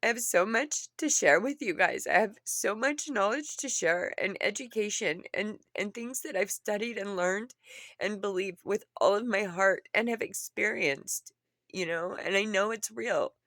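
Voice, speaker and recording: A woman who sounds upset and tearful, as after crying, talking earnestly and haltingly in a personal confession to viewers, often repeating herself. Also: medium pitch, fairly bright tone, no room sound, clean studio sound. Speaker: vlogger.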